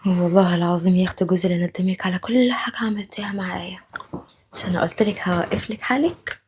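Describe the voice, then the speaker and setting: A woman's voice: fairly low pitch, fairly even intonation, fast talker, a little mellow, close to an everyday voice. A woman whispering as a spiteful Egyptian sister-in-law. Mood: vengeful. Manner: hissed, vengeful whisper. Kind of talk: whispered role-play.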